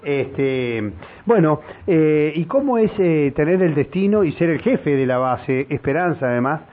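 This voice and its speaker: A man's voice: on the high side, animated, a little slow. A man in his sixties hosting a casual radio interview, chatty and jovial, sometimes talking over his guest. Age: 60s. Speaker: radio host. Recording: lo-fi radio broadcast.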